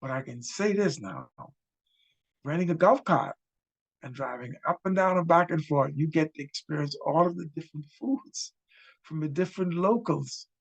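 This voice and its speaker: A man's voice: fairly high pitch, lively intonation, normal speed, dull audio. Give me an older man with a Bahamian accent hosting a casual webcam travel chat, eager and repetitive. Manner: chatty and enthusiastic, repeats words. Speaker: host. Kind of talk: casual travel talk to camera. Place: indoors with a virtual city backdrop. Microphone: webcam framing, head and shoulders.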